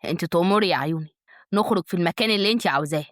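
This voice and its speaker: A woman voicing a tense young husband with an Egyptian accent, speaking curtly in a lowered voice. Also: rapid-fire, a bit bright, dry recording, clean studio sound. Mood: stern. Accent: Egyptian Arabic.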